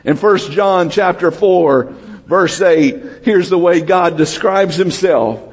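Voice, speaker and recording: Pastor, male, husky and fairly high voice, unhurried delivery, lively congregational preaching. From United States. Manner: lively preaching, calls out to the congregation, rises to shouts and drops low. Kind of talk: sermon.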